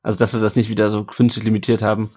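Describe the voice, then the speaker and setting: A man's voice: on the low side, completely flat delivery, very fast, darkish tone. Chatty man hosting a football podcast. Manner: chatty, reads listener comments aloud. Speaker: podcast host. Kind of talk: casual football podcast chat.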